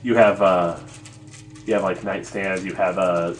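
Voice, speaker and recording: A woman's voice: very deep voice, fairly even intonation, unhurried. A woman narrating a tabletop game as its game master, loose and casual. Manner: loose, casual, swears and laughs.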